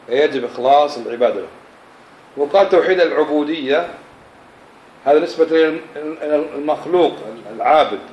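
A man teaching a classroom religious lesson, explaining scripture and often checking understanding with quick questions to his students. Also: fairly high pitch, a little mellow, dull audio, slight background noise. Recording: echoey room.

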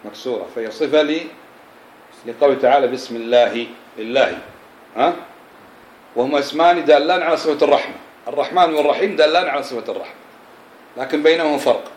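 A man's voice: medium pitch, a little hiss or hum. Echoey male religious teacher. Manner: checks understanding with quick questions to the class. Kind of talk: classroom lesson explaining scripture. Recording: echoey room.

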